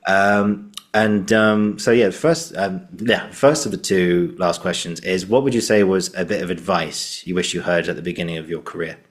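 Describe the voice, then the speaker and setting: A British podcast host has a casual interview chat, speaking encouragingly and repeating phrases for emphasis. His low-pitched voice keeps a moderate pace with hardly any pauses.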